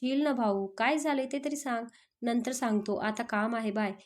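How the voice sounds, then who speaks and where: A short-fused young male boss, voiced by a woman narrator in a storybook. He snaps and shouts in exasperation, in a slightly high voice. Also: steady tone, moderate pace, natural voice. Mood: exasperated. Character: hot-tempered young male office boss.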